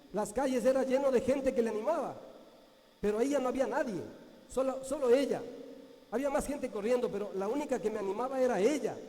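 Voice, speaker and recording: A man's voice: very high voice, dark tone. A man from Ecuador gives a motivational talk to an audience. He tells an earnest story with restarts and voices the people he quotes. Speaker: speaker telling his marathon story. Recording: long hall reverb.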